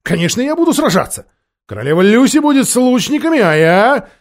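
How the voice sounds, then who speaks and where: A man voicing an eager, excitable boy prince in a storybook reading. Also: very high voice, fairly quick, pitched above the performer's own voice, full character voice. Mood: excited.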